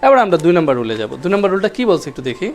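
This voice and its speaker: A man with a high voice teaches a grammar lesson at a whiteboard. He goes over each rule several times and keeps asking his students what comes next. Faint room noise sits in the background. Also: sing-song, very fast. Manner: repeats key points and quizzes students with rhetorical questions.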